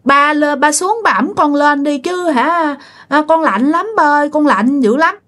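A woman's voice: sits high, unhurried, a bit bright, pitched above the performer's own voice. A woman voicing the spirit of a drowned baby girl speaking through an adult woman, wailing and pleading with her parents.

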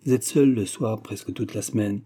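A man's voice: lowish voice, normal speed, warm tone, slightly rough. A man voicing a cold, manipulative young man in an audiobook, speaking curtly and with irony. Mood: coaxing. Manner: curt, ironic.

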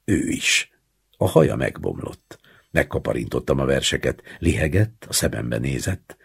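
A man narrating a literary short story in the first person, in a measured audiobook reading. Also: rumbling low, sing-song, creaky, breathy edge.

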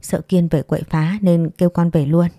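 A woman's voice: on the low side, little pitch movement, moderate pace, warm tone, dry recording, clean studio sound. A woman voicing a resolute young mother in a read-aloud story, firm and earnest.

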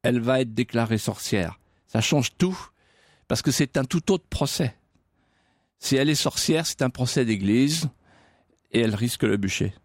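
A man of middle pitch recounts history on the radio as a guest historian, building suspense with rhetorical questions and insistent repetitions. The studio sound is close and dry. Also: lively intonation, moderate pace, pauses often, dry recording. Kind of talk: dramatic storytelling in radio interview.

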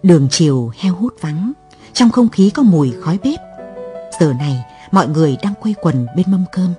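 A woman narrating a story in a calm, measured way. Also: on the low side. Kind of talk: scripted narration. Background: faint music.

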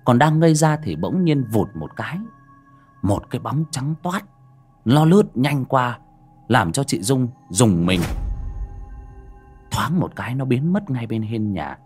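A man's voice: mid-range voice, sing-song, measured pace, pauses often, darkish tone, soft background music. A man narrating a horror audiobook in a dramatic, suspenseful way. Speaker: storyteller.

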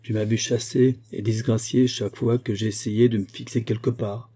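A man's voice: on the low side, level tone, moderate pace, warm tone, close to an everyday voice. A male audiobook reader voicing a weary aging father who speaks in a somber, brooding way.

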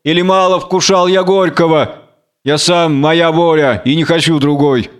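Man doing a blind hero, proud and furious, loud passionate lines, clear ringing voice. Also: a little high, fairly even intonation, normal speed, lightly acted. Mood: proud anger. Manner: impassioned, anguished outbursts.

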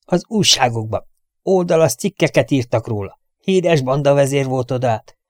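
Using his natural medium-pitched, slightly mellow voice with lively intonation, a man plays a strict, nagging older housekeeper. She scolds her absent-minded employer in a prim, indignant way. The recording is clean studio sound with no echo.

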